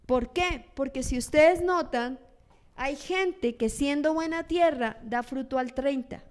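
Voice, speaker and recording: Woman preacher, high bright voice, lively sermon delivery. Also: slow. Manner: animated, acts out churchgoers' lines in quoted voices. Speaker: pastor.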